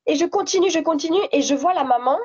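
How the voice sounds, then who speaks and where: A woman with a French accent giving a spontaneous spoken testimony at a church meeting, animated storytelling with frequent restarts. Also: sits high, quick pace. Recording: slightly dull audio recording.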